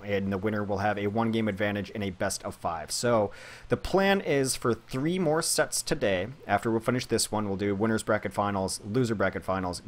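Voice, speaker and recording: A hungry, tired man casting an esports match, laying out the schedule in a matter-of-fact way with dry teasing, with faint music behind. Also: on the low side. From Chicago. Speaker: esports caster.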